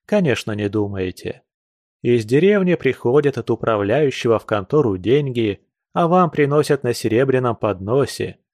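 A man's voice: medium pitch, lively intonation, moderate pace, a little mellow, dry recording, clean studio sound, lightly acted. A man reading a classic novel aloud, voicing a passionate, earnest young nobleman with urgent, lecturing speech. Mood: fervent.

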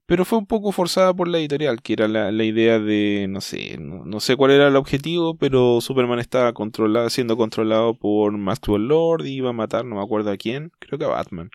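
A Chilean man hosting a podcast in casual chat, talking thoughtfully and often pausing to restart his sentences. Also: mid-range voice, animated, a little mellow, smooth, dry recording, studio quality. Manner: thoughtful, hesitant, trails off and restarts mid-thought. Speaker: podcast host.

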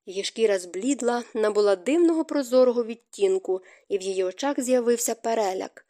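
Mellow-voiced woman narrating a novel. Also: on the high side, a little fast. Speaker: audiobook narrator. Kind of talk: scripted narration of a romance novel.

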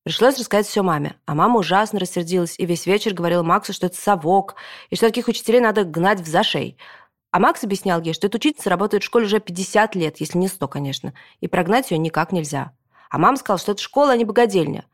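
Female audiobook narrator, mid-pitched, lively storytelling of a kids' book. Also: fast. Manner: lively first-person storytelling in a boy's voice. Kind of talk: scripted narration of a children's book.

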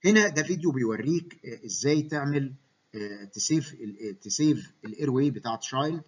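A man's voice: medium pitch, expressive, quick pace, slightly rough, dull audio. A man with an Egyptian Arabic accent giving a medical lecture, mixing English medical terms into his Arabic and often checking that students follow.

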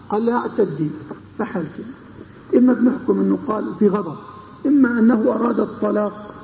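A man teaching a classical legal text to students, pausing often to check that they follow. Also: sits high, creaky, slight background noise. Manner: explains with repeated checking questions to students. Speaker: Islamic scholar teaching a text. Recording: dull lo-fi recording in an echoey room.

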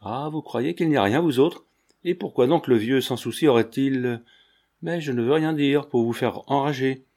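A man's voice: mid-range voice, moderate pace, mellow, lightly acted. A man reading the part of a boastful, quarrelsome old village mother in a storybook. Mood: teasing. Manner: quarrelsome, teasing.

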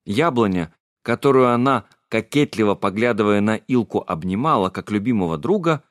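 Expressive male audiobook narrator. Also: lowish voice, normal speed, no echo, studio quality. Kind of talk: audiobook reading.

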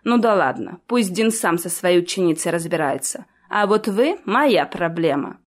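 A woman's voice: on the low side, animated, moderate pace. Female reader as a young prince: dry, doubting, understated, audiobook. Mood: skeptical. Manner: dry, skeptical. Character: young male prince, dry and skeptical husband.

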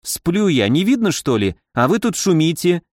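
A man's voice: on the high side, expressive, normal speed, no echo, studio quality, close to an everyday voice. A man voicing a pert, teasing young woman who serves as a maid. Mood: cheeky. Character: cheeky young woman, a twin servant.

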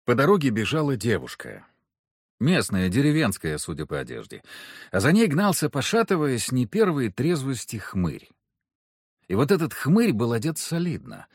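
A man's voice: mid-range voice, huge pitch swings, moderate pace, breathy edge, no room sound, studio quality. A man reading a first-person adventure audiobook in a wry, sardonic storytelling manner. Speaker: audiobook narrator.

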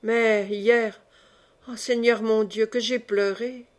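A woman's voice: on the high side, fairly even intonation, takes it slowly. A woman reading the part of a young peasant woman who speaks with naive, tearful emotion. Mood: tender.

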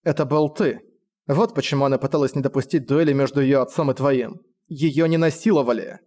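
A pleading, indignant young village woman, as a male narrator puts her on, lifted a little higher than his usual tone. Her lines stay urgent and earnest throughout the storybook scene. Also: fairly even intonation, a little fast, darkish tone, close to an everyday voice. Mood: quiet. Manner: pleading, slightly raised voice.

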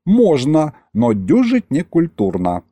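A man's voice: a little high, huge pitch swings, slow, dark tone, slightly rough, no echo, voice pushed up, exaggerated voice. A man voicing a cheeky old grandfather who talks in a folksy, teasing way in an audiobook. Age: older. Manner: folksy, wheedling, chuckling. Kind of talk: audiobook character voice.

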